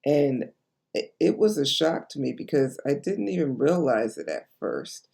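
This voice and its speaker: A woman in her late sixties, a life coach, speaks straight to camera in a vlog, earnest and encouraging, slow and deliberate. Her voice is a warm, rumbling low with vocal fry and big pitch swings.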